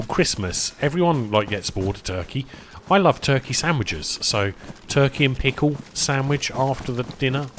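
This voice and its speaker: Medium in pitch and a bit bright, the man's voice comes through with slight background noise as he chats offhandedly during a game stream. He drifts across topics, greets his audience as "boys," and snacks throughout, occasionally talking through a full mouth.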